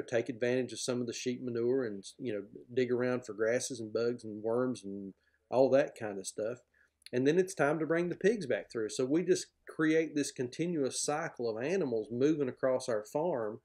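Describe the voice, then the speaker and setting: A man's voice: medium pitch, a little mellow. A middle-aged man, a pig farmer, explaining his farm work with plain-spoken enthusiasm in a podcast interview over a video call from a room at home. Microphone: video call, webcam framing.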